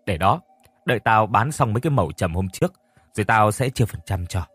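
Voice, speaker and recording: A man doing a rough brotherly workmate. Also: fairly low pitch, expressive, brisk, a bit bright, dry recording. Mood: consoling.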